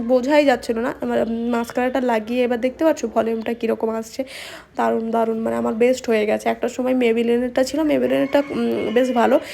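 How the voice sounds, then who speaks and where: High-voiced young woman, fast halting chat. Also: vocal fry, a little mellow. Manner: fast speech with frequent pauses and fillers. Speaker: makeup artist and vlogger. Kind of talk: casual talk during a makeup tutorial. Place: home room with an open window. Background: street noise through the window.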